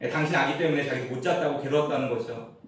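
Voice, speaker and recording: A man in his forties preaching as a pastor, telling a humorous family story that swings between hushed asides and emphatic punchlines. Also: medium pitch, fairly even intonation, fast talker, a little hiss or hum. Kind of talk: sermon. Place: church sanctuary. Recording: roomy church echo, mic at a distance.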